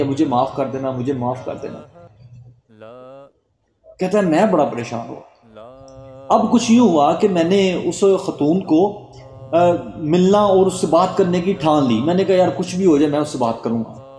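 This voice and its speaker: Man, devotional storyteller, dramatic dialogue, echoey hall recording. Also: mellow. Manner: dramatic, acts out quoted dialogue in a lowered voice. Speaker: religious storyteller. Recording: roomy echo with long hall reverb.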